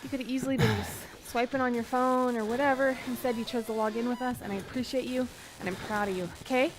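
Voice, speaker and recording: A woman's voice: fairly high pitch, fairly even intonation, fast talker, poor audio. A young adult woman coaching a workout as an encouraging aerobics instructor, counting down and cheering people on outdoors. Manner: encouraging, motivational. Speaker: fitness instructor. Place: outdoor covered wooden deck by a pond. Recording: music behind the voice. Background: workout music.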